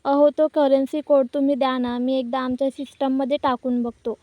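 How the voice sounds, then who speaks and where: A woman's voice: high voice, little pitch movement, a little fast, mellow, dry recording, natural voice. Woman retelling as a nervous male bank manager. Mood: pleading. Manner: retold in the narrator's own voice.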